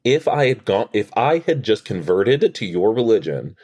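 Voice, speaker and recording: A podcast co-host with a fairly low, slightly mellow and breathy voice talks at normal speed but very animatedly. He chats about a TV episode and analyzes it in a casual recap, restarting sentences often and quoting lines of dialogue.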